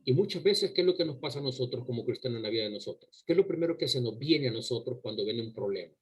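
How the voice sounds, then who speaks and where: A man's voice: mid-range voice, lively intonation, fast, husky, rough recording. A man preaching a sermon to his congregation, emphatic and full of rhetorical questions, often repeating words as he goes. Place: church service before a congregation.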